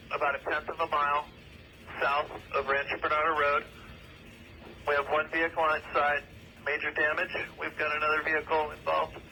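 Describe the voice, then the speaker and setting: A firefighter on an emergency two-way radio, giving steady, clipped scene reports with short pauses. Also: male voice, on the high side, a little hiss or hum, rough recording. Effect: two-way emergency radio transmission. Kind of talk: terse radio dispatch report.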